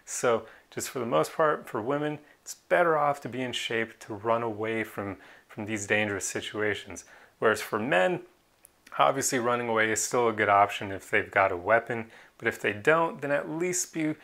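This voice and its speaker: Gravelly-voiced man, earnest vlog talk. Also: medium pitch, fairly bright tone. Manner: earnest, opinionated, laughs now and then. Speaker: vlogger. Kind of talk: casual opinion monologue.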